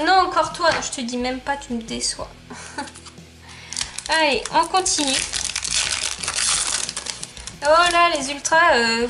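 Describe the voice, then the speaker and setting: A woman YouTuber giving casual, chatty commentary as she opens card packs, reading off card names and laughing often. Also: high voice.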